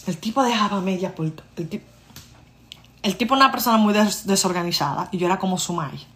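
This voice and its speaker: Animated woman telling a story. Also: medium pitch, brisk. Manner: animated, addresses listeners directly, acts out dialogue. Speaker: vlogger. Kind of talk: casual storytelling monologue.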